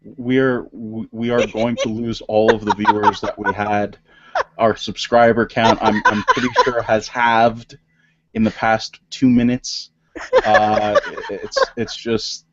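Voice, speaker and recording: A man's voice: on the low side, level tone, slow, heavy background noise. A man hosting a political podcast, talking in a rambling way with many stammered restarts. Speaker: podcast host. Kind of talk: casual political podcast chat. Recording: dry, dull lo-fi sound.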